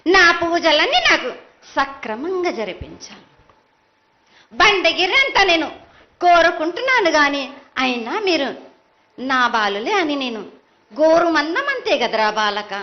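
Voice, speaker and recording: A woman's voice: high voice, very animated, a little slow, pauses often. A woman with a Telangana accent speaking in a prophetic trance voice as an oracle of the mother goddess, insistent, commanding and repetitive. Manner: insistent, commanding, repetitive, addressing devotees as children. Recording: dull lo-fi sound.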